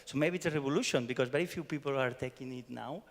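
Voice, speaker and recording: Catalan accent guy at a conference, kinda gravelly, keeps saying "no?", echoey hall. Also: medium pitch, fast. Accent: Spanish (Catalan). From Barcelona, Spain. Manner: chatty, tags sentences with "no?". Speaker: conference speaker. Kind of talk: conference talk summarizing a workshop. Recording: long hall reverb.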